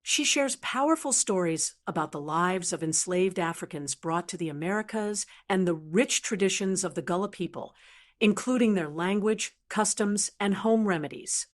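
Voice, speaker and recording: A woman's voice: medium pitch, expressive, normal speed. Woman reading a scripted introduction. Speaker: narrator introducing a video. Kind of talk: scripted narration.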